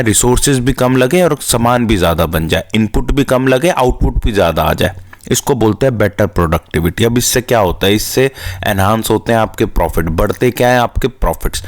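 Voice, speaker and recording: A young man giving a school commerce lesson in a chatty tone, asking questions and answering them himself, and slowing down to dictate the headings. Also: lowish voice. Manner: chatty, asks and answers his own questions; slows to dictate English headings. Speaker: teacher. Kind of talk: Hindi-English lecture for school students.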